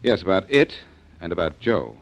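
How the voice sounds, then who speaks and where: In a 1940s radio drama, a man voices the lead, a cocky, wisecracking private detective who is sardonic and needling. His low-pitched delivery is very animated and heavily acted, at a moderate pace with a breathy edge, on a dull old radio recording.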